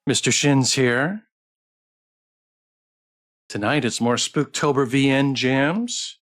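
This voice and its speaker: A tired man livestreams a visual novel and chats casually with viewers, hesitating, rambling, repeating phrases, and restarting. He speaks slowly in a medium-pitched, slightly bright voice with lively intonation.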